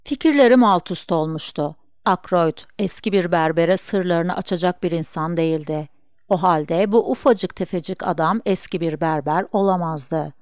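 A woman narrating a mystery novel as an audiobook, with steady storytelling delivery. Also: fairly low pitch, moderate pace, dry recording, studio quality. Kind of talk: audiobook reading.

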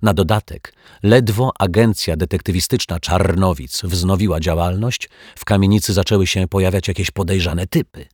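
Low, husky man reading a children's story. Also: normal speed, hardly any pauses, dry recording, studio quality. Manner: steady, gently expressive reading. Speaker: narrator.

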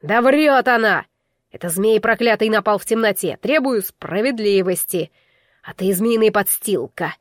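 A woman voicing a spiteful young bull-man who shouts and sneers. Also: a little high, lively intonation, slow, no room sound, clean studio sound. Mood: angry.

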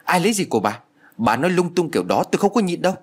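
A man's voice: a little high, sing-song, rapid-fire, breathy edge, voice pushed up. A man playing a young servant woman who pushes back and cries for help in a storybook reading. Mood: alarmed. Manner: terse, then crying for help.

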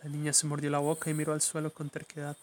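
A man reads a story aloud at a measured, steady pace. His voice sits a little high and stays quite flat in melody. Faint noise runs under the recording. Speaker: narrator. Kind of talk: storybook reading.

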